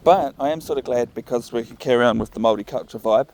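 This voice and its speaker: Male vlogger, New Zealand accent, mid-pitched, casual and musing, thinks aloud in an unhurried ramble. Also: darkish tone. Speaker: vlogger walking his dog. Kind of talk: casual rambling vlog narration. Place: outdoors, walking along a path. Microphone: phone recording while walking.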